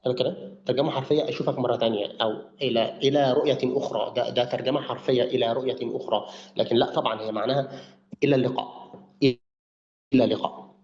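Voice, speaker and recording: A man's voice: medium pitch, steady tone, racing, darkish tone. Egyptian man drilling a class. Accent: Egyptian Arabic. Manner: drills pronunciation, repeats words for learners. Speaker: language teacher. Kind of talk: live online lesson. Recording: roomy, muffled sound.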